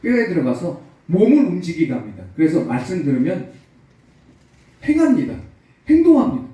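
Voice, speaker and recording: A man's voice: on the high side, very animated, brisk, mellow, very echoey, recorded from a distance, low-quality recording. A male pastor preaching a sermon, telling a story with acted-out quotes and building to emphatic peaks. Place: church sanctuary.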